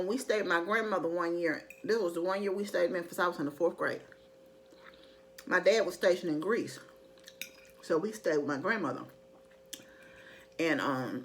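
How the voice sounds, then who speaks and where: A woman's voice: lowish voice, a bit bright. A middle-aged woman in casual, rambling chat to her viewers, conversational and emphatic when she makes a point. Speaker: mukbang vlogger.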